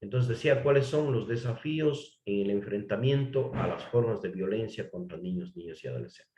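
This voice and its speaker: A man lectures formally on law in a lowish voice. He talks in a measured way, often restates his phrases and asks rhetorical questions. The room is echoey. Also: lively intonation, mellow, a little hiss or hum. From Ecuador. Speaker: course lecturer.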